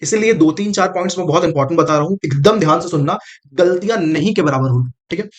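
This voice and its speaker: A man's voice: a little high, quick pace. A man coaching students on exam strategy in a casual, direct way, repeating his points and calling the listener brother. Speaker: exam prep mentor. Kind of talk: casual coaching talk to camera.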